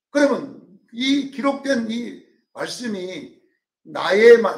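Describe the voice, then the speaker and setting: A male pastor preaching a sermon, dramatic, swinging from loud calls to hushed asides and acting out quotes. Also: high-pitched, far from the mic. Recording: roomy sound from off-mic.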